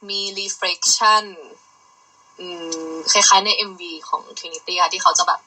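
A woman's voice: medium pitch, steady tone, takes it slowly, sharp tone, husky, rough recording. A young woman chatting casually on a livestream, rambling and giggly as she explains a music video. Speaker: idol livestreamer.

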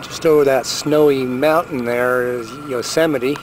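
Speaking unhurriedly in a steady, mid-range voice, this man narrates his footage of the sky with easygoing amusement, chatting and pointing out details. The scene moves from the roadside to a car. His handheld camera mic picks up noisy outdoor sound, including passing traffic.

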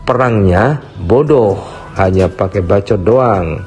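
Deep-voiced man doing gossip commentary. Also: takes it slowly, a little mellow, soft background music. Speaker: gossip channel narrator. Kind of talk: casual commentary.

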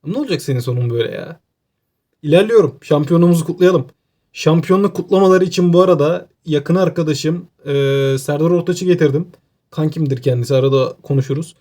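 Excitable Aegean-accented gaming commentator. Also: male voice, fairly high pitch, quick pace. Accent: Aegean Turkish. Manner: excitable, joking, talks to himself. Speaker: gaming YouTuber. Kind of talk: casual gameplay commentary.

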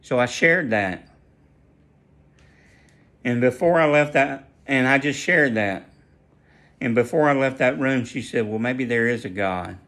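A man's voice: mid-range voice, measured pace, pauses often, a bit bright. A man sharing a personal faith testimony in a casual storytelling way, earnest and prone to repeating and restarting his phrases.

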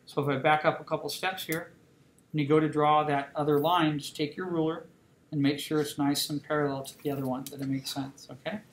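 A drawing instructor lectures casually while he draws, repeatedly checking in with students by asking "okay?" His voice is on the high side, level in tone and a little fast. The classroom sounds roomy, with faint noise.

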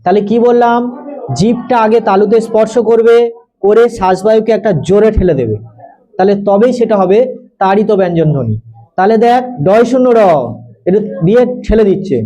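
A man with a high, mellow voice teaches a grammar class. He explains patiently step by step, repeats the key terms, and checks that the students follow. When he dictates definitions, he slows right down. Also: rough recording. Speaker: tutor. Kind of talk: Bengali grammar lesson for students.

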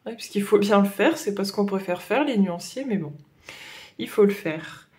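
A woman's voice: mid-range voice, lively intonation, normal speed, a little mellow. A young adult woman with a Northern French Ch'ti accent chatting casually through a haul, hesitant and full of fillers and "voilà". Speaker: coloring vlogger.

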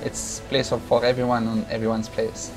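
A man's voice: mid-range voice, monotone, normal speed, low-quality recording. A man in his thirties with a Swiss accent, chatting in an interview as a cafe owner and chef. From Switzerland. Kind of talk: interview chat. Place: indoors in a cafe. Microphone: lapel mic. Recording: music behind the voice.

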